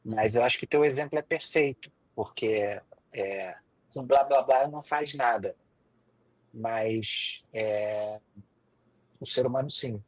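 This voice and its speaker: A man's voice: mid-range voice, takes it slowly, no echo, low-quality recording. A man hosting a live interview, reacting casually and agreeing with his guest. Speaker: host.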